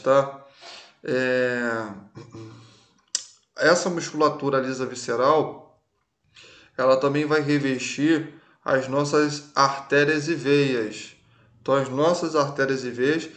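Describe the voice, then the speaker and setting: A man teaching a recorded class in a casual way, often checking that students follow along. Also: on the high side. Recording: echoey room.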